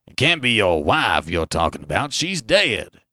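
A man's voice: lowish voice, big pitch swings, unhurried, sharp tone, no echo, clean studio sound, voice pushed down, heavily acted. A man voicing a solid, heavyset farmer, folksy and exclaiming, with a rural American accent. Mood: astonished. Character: solid, pursy, astonished farmer with a hard red face.

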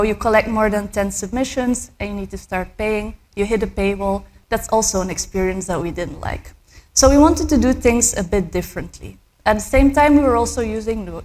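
A woman in her thirties from Belgium presents her startup to a live audience, pausing often on filler words. She has a cold, and her pitch sits in the middle of the range. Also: a little mellow. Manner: hesitant, many fillers. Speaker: startup co-founder giving a talk. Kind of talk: conference presentation.

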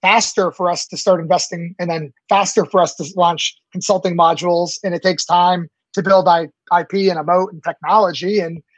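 A man's voice: high voice, fairly even intonation, moderate pace, few pauses, no room sound, low-quality recording. A man in his late thirties, a startup founder answering interview questions eagerly, with many fillers and restarts. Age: 30s.

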